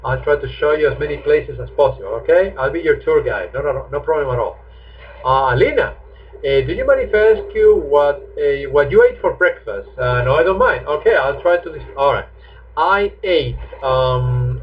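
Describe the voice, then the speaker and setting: A man, a chatty, joking English teacher answering students' questions in a live online class. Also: medium pitch. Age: 50s. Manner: chatty and jokey. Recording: tinny phone-like stream audio.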